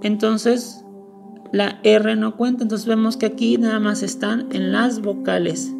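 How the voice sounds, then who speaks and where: A woman's voice: mid-range voice, fairly even intonation, measured pace, gravelly, music in the background. A woman explaining a lesson step by step, going over each point carefully and repeating the key words. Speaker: teacher. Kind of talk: screen-recorded lesson.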